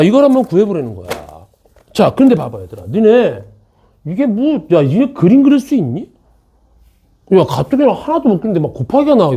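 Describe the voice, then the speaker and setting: A man's voice: on the high side, warm tone, slight background noise. A man teaching a math class in an academy classroom, joking around, repeating key points and checking in with the students. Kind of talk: classroom lecture.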